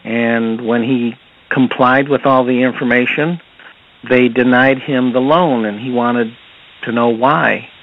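A man's voice: medium pitch, steady tone, takes it slowly. A man as a podcast guest, telling anecdotes and retelling dialogue with many "he said"s. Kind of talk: storytelling anecdotes. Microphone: phone. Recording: tinny phone line.

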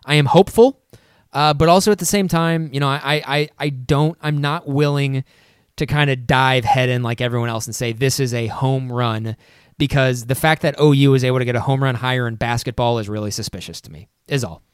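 Oklahoma dude talking sports on a podcast, stumbles and restarts a lot, clean smooth voice. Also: male voice, mid-range voice, dry recording, studio quality. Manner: halting, with many restarts and fillers. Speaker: podcast co-host. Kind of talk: casual sports podcast chat.

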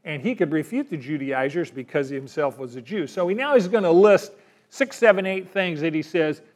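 A high-voiced male pastor preaches emphatically, a little fast, expressive and a little mellow. He keeps turning to the congregation with rhetorical questions.

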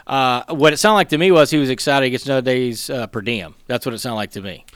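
A man's voice: mid-range voice, fast talker, a bit bright, clean tone, no room sound, clean studio sound. A man co-hosting a sports podcast, talking in a chatty, rambling, joking way. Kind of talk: casual sports chat.

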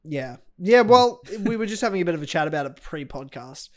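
An Australian man co-hosting a casual banter podcast, self-mocking and animated, breaking into loud joking outbursts. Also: on the high side, brisk. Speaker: podcast co-host.

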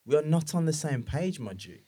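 A man's voice: a little high, animated, brisk, mellow. A man with a London roadman accent chatting casually in street slang, emphatic and insistently repeating his phrases. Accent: London roadman, multicultural London street English. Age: adult, married with children. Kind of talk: casual chat, slang-heavy.

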